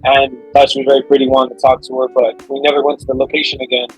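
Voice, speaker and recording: A man in his twenties introducing himself and answering interview questions casually, with hesitant pauses. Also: mid-range voice, level tone, lo-fi sound, faint music behind. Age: 20s.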